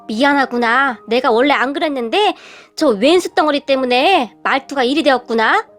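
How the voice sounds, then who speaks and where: A woman's voice: high-pitched, animated, moderate pace, soft background music. Woman doing a scolding older mother-in-law. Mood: sighing. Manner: scolding, exasperated. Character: blunt, sharp-tongued older mother-in-law.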